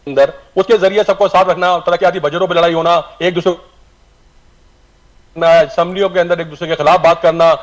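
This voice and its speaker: A man's voice: on the high side, fairly even intonation, fairly quick. A man joining a televised political debate over a phone or video-call line that sounds distant and breaks up, speaking bluntly. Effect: heard over a phone or video-call line, distant and breaking up.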